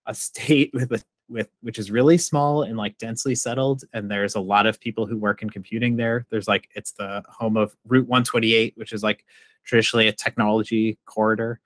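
A Massachusetts professor in his thirties, speaking on the low side and briskly, answers as a guest in a conversational interview over a video call with earbuds from his home office. He's thoughtful, uses "like" often, and gestures expressively with his hands. The audio has no room sound.

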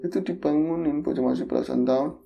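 A man, a podcast host casually retelling a horror story in a vivid, animated way. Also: fairly high pitch, fast, gravelly, highs cut off.

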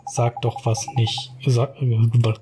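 A man's voice: medium pitch, little pitch movement, slow, music in the background, close to an everyday voice. A man voicing a brash, cheeky little fairy sidekick while reading slangy game dialogue aloud. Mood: grumbling. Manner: slangy, blunt, grumbling.

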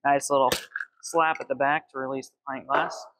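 A young bartender in his twenties gives a cocktail demonstration at an indoor bar stocked with shelves of bottles, explaining each recipe step by step in a friendly manner while mixing. He speaks at a moderate pace in a medium, fairly bright but flat voice, with a little hiss or hum on the audio.

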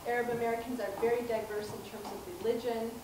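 Her fairly high voice stays fairly even in intonation as this middle-aged professor gives a public lecture, speaking softly and measuredly with many ums and restarted phrases. She's on a dark auditorium stage with a projector screen, holding a mic, recorded by a far camera amid echo and room noise.

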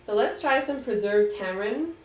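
A woman's voice: fairly high pitch, animated, moderate pace, a little hiss or hum. Casual woman co-host, talkative and loose, recorded from a distance in an echoey room. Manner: chatty, lots of fillers, laughs easily. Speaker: vlog co-host. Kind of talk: casual taste-test chat. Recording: roomy sound from a distant mic.

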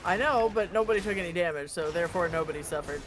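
A woman's voice: on the low side, quick pace, noisy background. A woman streaming a game, chatting casually and playfully and swearing now and then. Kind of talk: casual gaming chat.

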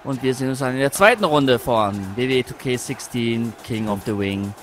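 A man commentating a wrestling video game with a friend, excitable, shouting and groaning at the action and teasing his opponent. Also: mid-range voice, normal speed, faint music behind. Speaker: let's play co-host.

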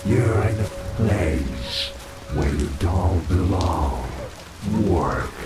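Very deep, possessed demonic spirit. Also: male voice. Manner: slow, menacing, halting delivery. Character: possessed, taunting evil spirit haunting a man's nightmares. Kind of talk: horror game voice acting. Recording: echoing voice under loud music.

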